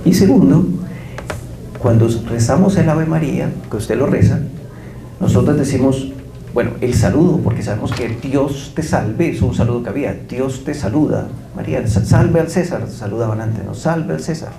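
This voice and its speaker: A man's voice: medium pitch, normal speed, creaky, reverberant, background noise. A man giving a religious lecture as guest speaker, telling stories with quoted dialogue.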